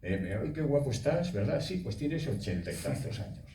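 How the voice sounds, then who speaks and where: A man in his eighties, a voice actor telling stories at a festival talk in a relaxed way. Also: mid-range voice, normal speed. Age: 80s. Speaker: voice actor guest. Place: festival hall. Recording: echoey hall, speaker far from mic.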